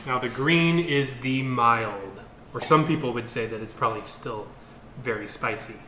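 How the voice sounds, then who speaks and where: A man's voice: mid-range voice, normal speed, a crowd in the background. A man co-hosting a food challenge, chatting casually in a playful, jokey way. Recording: echoey room, faint background noise.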